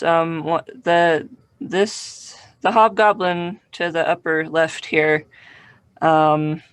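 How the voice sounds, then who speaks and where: Male game master, improvised fantasy narration, unhurried and halting, creaky edge to the voice. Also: fairly high pitch, fairly bright tone, no room sound. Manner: halting, descriptive.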